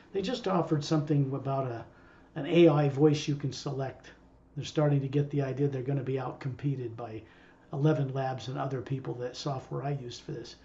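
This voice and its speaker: A man's voice: fairly high pitch, creaky, dark tone, lo-fi sound. A man who acts as a spiritual teacher, talking casually and digressively to a small group. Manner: rambling, digressive.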